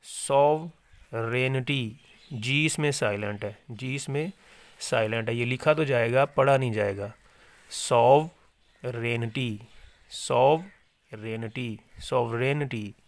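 A man teaching an English spelling lesson, slowly repeating each word and spelling it letter by letter. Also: mid-range voice, no room sound. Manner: slow, repetitive dictation, repeating each word several times.

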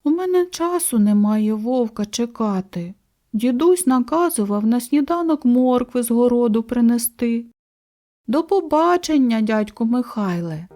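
A woman's voice: on the high side, animated, measured pace, dark tone, voice pushed up. A woman voicing a cheeky, boastful little boy hare in a children's storybook, raised and brash. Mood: meek.

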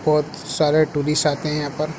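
A young man giving a casual travel vlog at a waterfall, talking excitedly and calling his viewers "guys". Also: a little high, fairly quick. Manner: excited tour-guide patter, repeats "guys". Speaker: vlogger. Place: outdoors at a waterfall viewpoint. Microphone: phone camera. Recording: phone video with outdoor noise.

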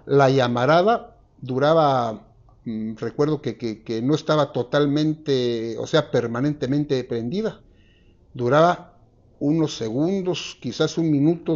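A man in his sixties with a Mexican accent, recalling an old memory in an interview with a lapel mic, halting and full of restarts. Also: fairly high pitch, a little mellow, highs cut off. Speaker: eyewitness interviewee. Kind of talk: recounting a memory. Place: dark room, seated.

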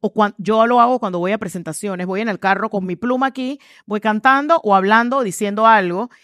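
A middle-aged woman, a communications trainer, talking with lots of energy in a low voice and acting out quoted voices as she tells stories in an interview. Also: fairly quick, no echo, studio quality. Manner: acts out quoted voices, lively storytelling. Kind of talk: animated interview conversation.

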